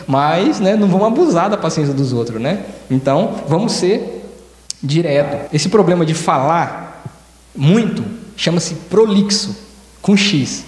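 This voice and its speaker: A man with a Brazilian Portuguese accent preaching a sermon as a church elder. He speaks emphatically, repeats his key phrases and acts out quoted dialogue. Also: high-pitched. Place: church hall. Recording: echoey church hall with long reverb.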